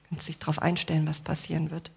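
A woman preaching a sermon, speaking straight to the congregation with rhetorical questions, playful asides and gentle reassurance. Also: low-pitched, completely flat delivery, fast, gravelly, slightly rough.

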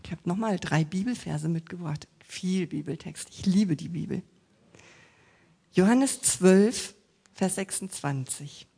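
A woman's voice: on the low side, lively intonation, a little slow, vocal fry, dark tone, slightly rough. A woman preaching a sermon who retells a Bible story and asks her listeners direct questions.

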